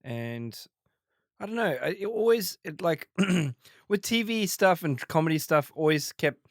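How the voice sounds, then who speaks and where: This forties-aged comedian, speaking mainly with an Australian accent that carries a slight South African undertone, tells meandering stories in a casual interview, often restarting and using fillers. His voice leans high and a bit slow, captured in a dry, clean studio recording.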